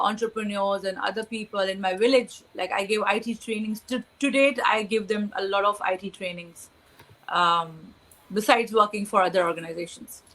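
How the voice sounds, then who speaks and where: A woman's voice: medium pitch, fairly bright tone, poor audio. A young woman from Pakistan answering interview questions, hesitant, with many fillers and restarts. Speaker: interview guest.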